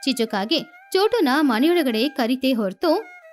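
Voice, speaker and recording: Woman narrating a kids cartoon story, high voice, bouncy. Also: expressive, a little slow, soft background music.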